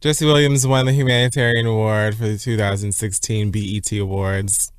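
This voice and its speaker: Low-voiced man co-hosting a podcast. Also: level tone, brisk, smooth. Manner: playful, campy, swearing freely. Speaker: podcast co-host. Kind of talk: casual chat and ad read.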